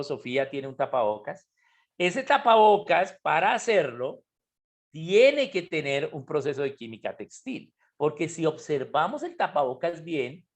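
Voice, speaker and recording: A man teaching an online chemistry class, explaining step by step and often asking if students follow. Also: fairly high pitch. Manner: explanatory, asks frequent checking questions. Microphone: computer mic on a video call.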